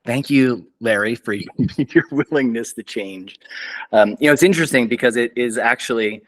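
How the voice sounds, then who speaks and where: A man's voice: medium pitch, normal speed. A man moderating an online journal club over a video call, chatty and upbeat, with many fillers and restarts. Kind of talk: casual online meeting chat.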